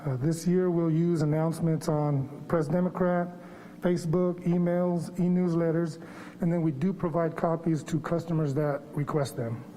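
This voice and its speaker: A man's voice: on the high side, flat delivery, moderate pace, warm tone. A man giving a formal staff presentation at a public meeting, slightly muffled as he speaks through a face mask. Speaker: water quality manager presenting. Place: public board meeting room.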